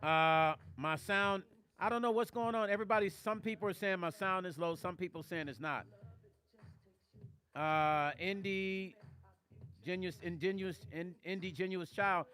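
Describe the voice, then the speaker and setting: A man's voice: high voice, a little slow, bright, forceful tone. An older man hosting a casual livestream, talking emotionally and rambling to viewers on a close studio mic. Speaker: vlog host.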